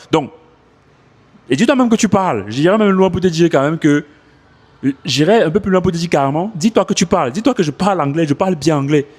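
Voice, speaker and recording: A man coaching French speakers on learning English, talking casually into his phone outdoors and repeating his points for emphasis. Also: on the high side. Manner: animated, repeats himself for emphasis. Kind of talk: casual advice vlog.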